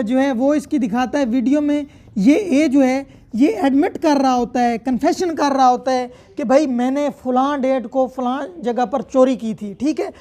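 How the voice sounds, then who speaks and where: A woman with a Pakistani accent gives an explanatory law lecture, mixing in English terms. Her voice sits high and sounds mellow, and her didactic manner includes repeatedly checking that listeners are following along.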